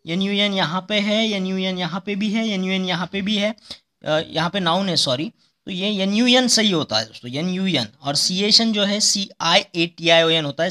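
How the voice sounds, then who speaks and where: A male teacher with a high-pitched voice walks students through spelling words for exams. He repeats each word several times and explains with playful memory tricks. His tone is bright and clear. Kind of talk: spelling lesson for exam students.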